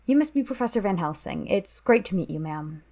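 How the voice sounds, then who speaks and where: A woman performs a young lover anxious for a sick partner in an audio drama. The voice sits at a middling pitch, earnest and emotional, quick to apologise. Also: expressive, warm tone, close to an everyday voice. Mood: relieved, apologetic. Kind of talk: naturalistic audio drama acting.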